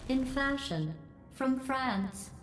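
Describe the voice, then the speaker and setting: A woman voicing a sarcastic female AI computer overseer through a robotic processed filter, with dry, mocking, deadpan delivery. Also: high voice, drawn-out words, exaggerated voice. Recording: roomy game audio with faint music.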